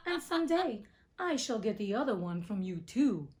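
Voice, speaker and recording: A woman reading aloud and voicing a wicked old female witch who speaks shrill, high and loud. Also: animated, measured pace, heavy background noise. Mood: gloating.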